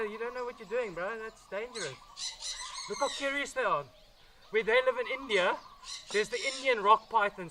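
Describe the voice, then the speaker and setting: A man's voice: very high-pitched, noisy background. A man presenting a casual wildlife vlog outdoors at an animal sanctuary, chatty and enthusiastic as he handles a large snake.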